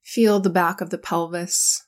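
A woman guiding a sleep meditation in a calm, soothing, slow manner. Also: on the low side. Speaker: meditation guide.

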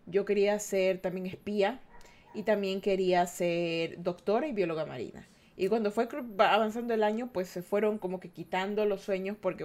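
A woman's voice: lowish voice, a little mellow. An adult woman hosting a podcast, giving an earnest, reflective monologue and speaking directly to her listeners. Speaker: podcast host.

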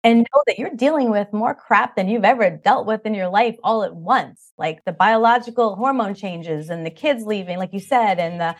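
A woman's voice: mid-range voice, moderate pace, hardly any pauses. A middle-aged woman from New York talking candidly and casually as a podcast guest. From New York, United States. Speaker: podcast guest, midlife magazine creator. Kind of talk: casual conversational interview.

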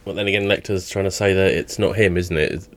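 A man's voice: sits low, fairly even intonation, fast talker, slight background noise. A man taking part in a casual film chat.

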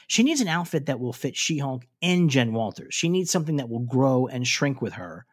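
A man's voice: mid-range voice, big pitch swings, moderate pace. A man co-hosting a casual podcast, recapping a TV episode in a chatty way with frequent fillers and restarts. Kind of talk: casual chat.

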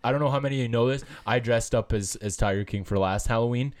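A man's voice: medium pitch, quick pace. A man co-hosting a casual sports podcast, upbeat and enthusiastic. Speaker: podcast co-host.

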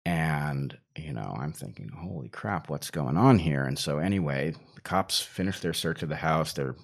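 A man with a very deep, low voice tells a long personal story in an easygoing, conversational way. He meanders, restarts and pads his sentences with fillers before getting back on track. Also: expressive, moderate pace, gravelly. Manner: rambling, self-interrupting with fillers. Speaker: storyteller guest. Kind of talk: casual anecdote.

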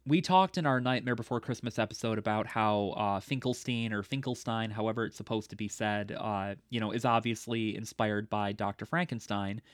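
A man's voice: lowish voice, a little fast, few pauses, no echo, studio quality. A man co-hosting a podcast, chatting casually about a film, with lots of fillers and frequent laughter. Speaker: podcast co-host. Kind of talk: casual movie discussion.

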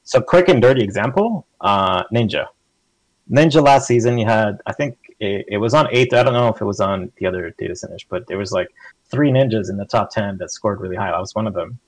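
A man's voice: on the low side, a little fast, no echo, low-quality recording. A man talking casually about a game on a podcast, rambling with many restarts and acting out quotes. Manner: rambling, restarts often, acts out quotes animatedly. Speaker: podcast guest. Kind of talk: casual gaming discussion.

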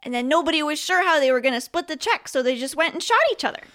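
A woman's voice: sits high, fast talker, a bit bright. A woman playing a plucky, matter-of-fact young country daughter with a folksy, pert manner in a comic audio drama.

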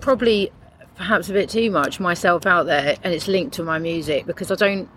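A woman's voice: lowish voice, a little fast, fairly bright tone, slight background noise. A woman with a south London accent chatting casually and candidly as an interviewed musician, blunt and sweary. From Croydon, south London. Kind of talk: casual chat.

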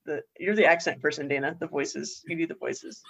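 A woman co-hosting a casual chat, relaxed and rambling, laughing often. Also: deep voice, fairly quick, creaky, husky. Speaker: podcast co-host.

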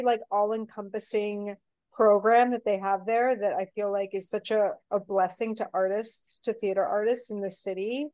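A Mexican theater director with a medium-pitched, mellow voice talks casually in an interview recorded without echo. She's chatty and rambling, filling her speech with plenty of "you know."

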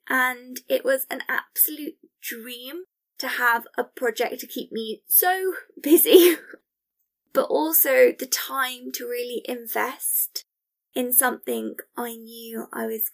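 A woman with a fairly high voice and a touch of creak presents a podcast. Her delivery is scripted yet chatty. She comes across as effusive and enthusiastic. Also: fairly bright tone. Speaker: podcast host.

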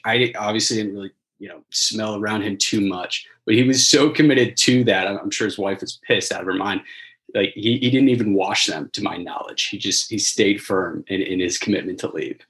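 A man's voice: on the low side, fairly bright tone, rough recording. A man co-hosting a casual chat, telling stories from his sales job with frequent restarts and laughter.

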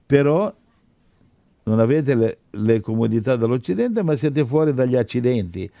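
A man's voice: mid-range voice, animated, normal speed, vocal fry, dark tone, dry recording. A man preaching a sermon and leading a Bible study, exhorting his listeners and often stumbling through repeated restarts.

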